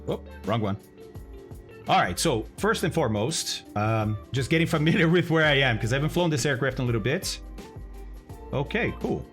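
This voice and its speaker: A man's voice: mid-range voice, animated, normal speed, fairly bright tone, faint music behind. A man streaming a flight simulator, chatting casually with viewers, thinking aloud and laughing often. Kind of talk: casual live-stream chat.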